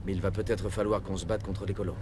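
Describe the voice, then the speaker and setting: An actor playing a level-headed military commander in a game dub, speaking in a controlled, direct, authoritative way. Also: male voice, sits low, little pitch movement, fast talker, darkish tone, slight background noise, close to an everyday voice. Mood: persuasive, calm. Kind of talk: dramatic French game dub acting.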